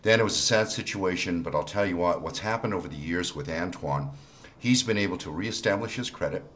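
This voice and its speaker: A man's voice: sits low, brisk, fairly bright tone. A man talking conversationally as a car salesman in an infomercial.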